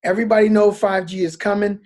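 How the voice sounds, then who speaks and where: A man's voice: sits high, fast. Chatty man hosting a video call. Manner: chatty storyteller, many fillers, animated when quoting. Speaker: network marketing presenter. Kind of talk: casual presentation on a video call.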